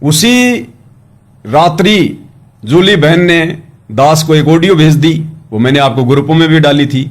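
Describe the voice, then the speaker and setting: A man's voice: a little high, animated, unhurried. A man giving a devotional talk to followers, speaking earnestly and humbly, calling himself a servant.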